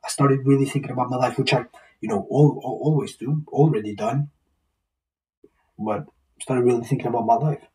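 A vlogger in his twenties talks to camera in a small, plain indoor room, delivering a rambling, reflective monologue where he repeats himself and swears occasionally. His mid-range voice is warm and a little fast, broken by long pauses, and the distant mic makes for a low-quality recording.

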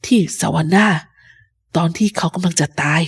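A woman voicing a sick old male pirate captain who craves rum, talking slowly and low with strain. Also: husky. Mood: secretive. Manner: slow, low, strained speech. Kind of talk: storybook reading.

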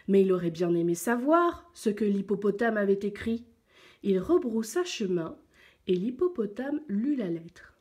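A woman teacher reading a picture book aloud to young pupils, slow and expressive. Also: medium pitch.

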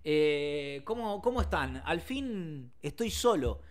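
A man with an Argentine accent hosting a casual livestream from his bedroom, telling stories with lively shouted sound effects. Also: on the high side, takes it slowly. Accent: Argentine Spanish. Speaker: streamer host. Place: home bedroom.

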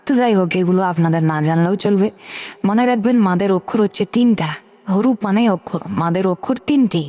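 A woman's voice: mid-range voice, quick pace, mellow, in a large hall. A woman teaching Quran reading, who patiently drills letter pronunciations one by one and repeats key points. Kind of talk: step-by-step recitation lesson.

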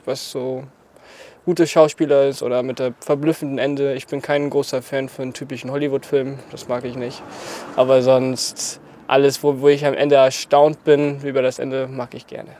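With a medium-pitched voice and dark tone, a choreographer from Portugal in his twenties chats casually during an outdoor interview in front of a graffiti wall, often laughing between phrases.

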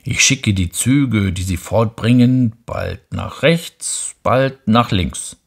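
A man voicing a weary, matter-of-fact adult railway switchman in a hushed bedtime reading. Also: fairly low pitch, slow pace, vocal fry, full character voice.

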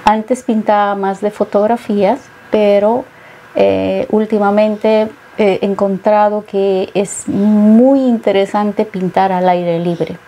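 A woman's voice: medium pitch, fairly even intonation, slow, mellow. A middle-aged woman from Peru, a painter being interviewed, speaking thoughtfully with many hesitations. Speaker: painter guest. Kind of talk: interview conversation. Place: studio set with bookshelves.

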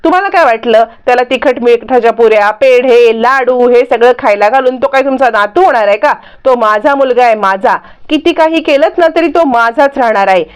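A woman voicing an angry, sharp-tongued young mother who scolds and snaps in a story retelling. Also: fairly high pitch, a little fast, few pauses, clean tone, natural voice. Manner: snapping, scolding.

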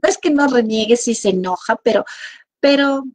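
A middle-aged Peruvian woman teaches an online class, speaking with an animated lilt and dropping into quick acted-out voices. Her voice sits at an ordinary pitch and the sound is dry and close. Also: no room sound, rough recording. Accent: Peruvian Spanish. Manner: animated, acts out quoted people with lively voices.

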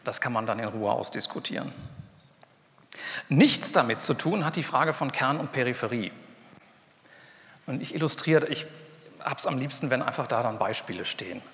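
A man's voice: mid-range voice, expressive, moderate pace, pauses often, fairly bright tone. A middle-aged man giving a university lecture in a casual, chatty way, with fillers and asides. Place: lecture hall. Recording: long reverb of a lecture hall.

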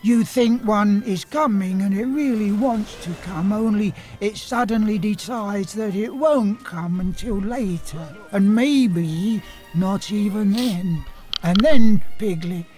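A man voicing a simple-minded male teddy bear with slow, drawn-out dreamy musing in a parody storybook reading. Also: high voice, warm tone, pitched above the performer's own voice.

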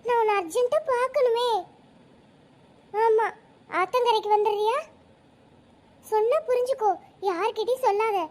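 A woman's voice: very high voice, moderate pace, pauses often, darkish tone. A woman voicing a scheming young wife in a cartoon, sweet on the surface and sly underneath. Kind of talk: cartoon voice acting.

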